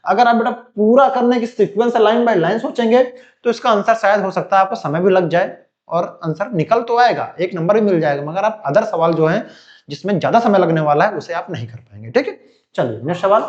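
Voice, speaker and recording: A man's voice: high voice, lively intonation, a little fast, dull audio. A male teacher giving an online exam-prep lesson, talking straight to his students, filling gaps with "theek hai" and calling them "beta", still getting over a cold. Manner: talks directly to students, calls them "beta", lots of "theek hai" fillers. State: recovering from a cold, still coughing.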